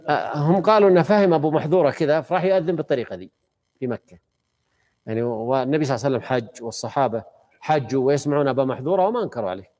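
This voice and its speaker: Brief: man teacher, quick and conversational, middle pitch, keeps quizzing the class. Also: expressive, darkish tone. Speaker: teacher of a study circle. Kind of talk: explaining a classical text to students.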